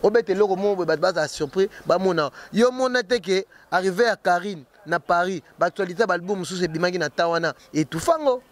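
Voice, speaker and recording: A man's voice: sits high, fast talker, few pauses. A man being interviewed, a musician talking in a casual, emphatic way, often repeating his words. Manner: emphatic, repeats words and restarts while arguing.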